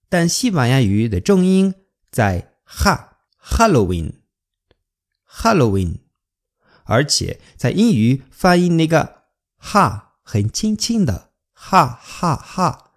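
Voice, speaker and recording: A man from Spain with a Spanish accent, a native Spanish speaker teaching a language lesson and slowly drawing out words to show how they are said. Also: medium pitch, darkish tone. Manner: slow, drawn-out pronunciation demos.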